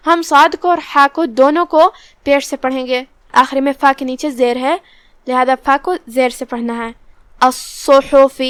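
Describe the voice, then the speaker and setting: A woman teaching the rules of Quran recitation, explaining each letter step by step and then reciting slowly and drawn out. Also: high voice, fairly bright tone, dry recording. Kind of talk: tajweed lesson with slow recitation.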